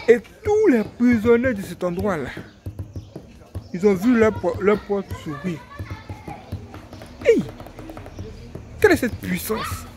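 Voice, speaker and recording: A young man teaching from the Bible, retelling a story in a lively sermon with exclamations and repeated phrases. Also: high voice.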